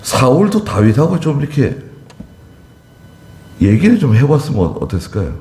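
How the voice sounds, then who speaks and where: A man's voice: fairly low pitch, dark tone, reverberant. A male pastor preaching a conversational sermon, acting out short dialogues in a church.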